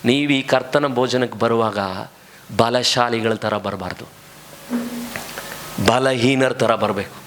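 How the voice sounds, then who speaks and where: A man's voice: medium pitch, steady tone, takes it slowly, pauses often, fairly bright tone. A man preaching a sermon as pastor to his congregation, impassioned, with many rhetorical questions, speaking. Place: church hall.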